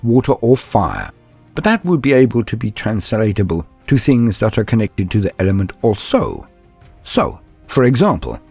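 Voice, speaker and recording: Over background music, a man of medium pitch and slightly mellow tone tells a dramatic first-person story and addresses his channel from a script. His style is theatrical, his phrasing courtly, and the recording dry.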